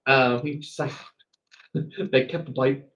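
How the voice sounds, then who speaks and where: A man narrating a tabletop game as its game master, taking his time and wandering through his descriptions with fillers and little chuckles. His voice sits at an ordinary middle pitch, and the recording is slightly dull and lo-fi. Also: a bit bright. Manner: rambling, full of fillers and chuckles.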